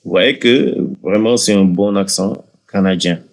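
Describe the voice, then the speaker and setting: A man with a fairly low voice hosts a casual software tutorial. He talks the viewer through each step and often hesitates and restarts mid-sentence. He sounds like he is on a desktop mic. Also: a little slow. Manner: hesitant, many fillers and restarts, addresses viewers directly. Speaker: tutorial host. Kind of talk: casual screen-recording tutorial.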